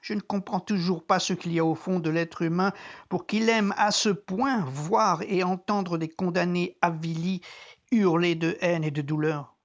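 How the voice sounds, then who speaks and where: An actor playing a troubled, conscience-stricken Roman centurion, reflecting deliberately in a dramatic biblical monologue as if talking to himself. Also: mid-range voice, fairly even intonation, muffled recording, lightly acted. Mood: reflective, ashamed. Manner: introspective, deliberate, theatrical.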